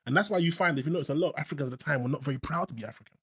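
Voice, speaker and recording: A man in his thirties from a Ghanaian family, talking quickly and animatedly in casual podcast chat. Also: a little high. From Ghanaian heritage. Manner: animated, fast, laughs while talking. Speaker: podcast co-host.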